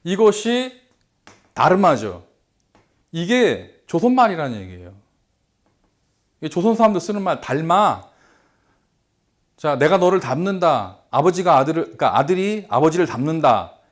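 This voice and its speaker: A middle-aged man lectures in a fairly high voice. His intonation rises and falls a great deal. He keeps repeating key words and asks rhetorical questions as he explains. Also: sing-song, normal speed.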